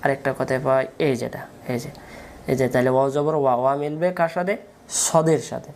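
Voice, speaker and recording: A man's voice: medium pitch, a little fast, darkish tone, a little hiss or hum. A man teaching Quran reading in a patient, repetitive syllable-by-syllable spelling drill. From Bangladesh.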